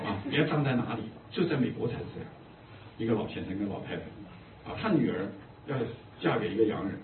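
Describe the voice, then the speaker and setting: A man's voice: medium pitch, slight background noise. An older man preaching a sermon as a pastor, telling humorous anecdotes. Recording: distant echoey phone-like recording.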